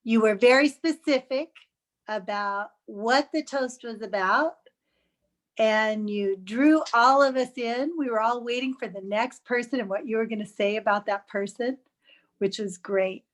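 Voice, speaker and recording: A woman with a fairly high voice speaks unhurriedly through her computer mic on a video call. As the evaluator at an online club meeting, she offers chatty, encouraging comments on a speech, while still being gently picky.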